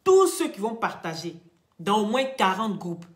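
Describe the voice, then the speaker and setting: A woman's voice: medium pitch, very animated, measured pace, roomy sound. A woman hosting a live video, speaking straight to her followers in an emphatic, lecturing way. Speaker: social media live-stream host.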